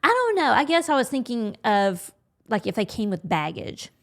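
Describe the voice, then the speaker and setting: A woman's voice: a little high, sing-song, normal speed, fairly bright tone. A woman co-hosting a podcast, talking frankly and thinking aloud in a candid chat. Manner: frank, chatty, thinking aloud with quoted inner thoughts. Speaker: podcast co-host.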